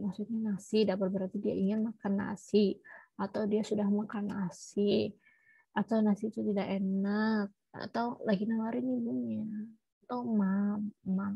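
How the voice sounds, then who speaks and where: A woman lectures in a gravelly, slightly husky voice, explaining patiently and tagging her points with little checks to her listeners. The sound is dry and a bit muffled, like a lo-fi recording. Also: medium pitch, no room sound. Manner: explanatory, frequent tag "ya", self-corrections. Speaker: teacher. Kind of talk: lecture on child language development.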